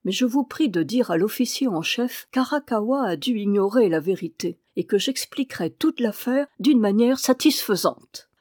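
A woman's voice: mid-range voice, lively intonation, normal speed, few pauses, darkish tone, no echo, studio quality, lightly acted. A woman reading aloud as a sly, mocking old man who talks back boldly to his accusers. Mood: earnest. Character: sly old male wandering sage, mocking and bold.

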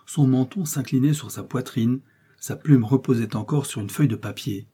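A man reading a story aloud in a measured, suspenseful narration. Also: medium pitch, dark tone, slightly rough. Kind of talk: scripted audiobook narration.

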